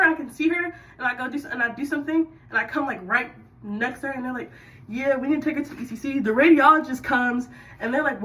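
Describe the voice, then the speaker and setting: A young woman in the military telling a casual work story while doing her hair, chatty and animated with sudden loud bursts. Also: high-pitched, recorded from a distance, low-quality recording.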